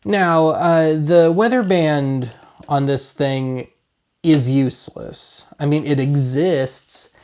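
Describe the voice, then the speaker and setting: His voice is fairly high-pitched, clean, and darkish, and he takes it slowly. He's an American-accented man in his thirties from Colorado who hosts a hobby video series, chatting casually and wryly through a rambling product review.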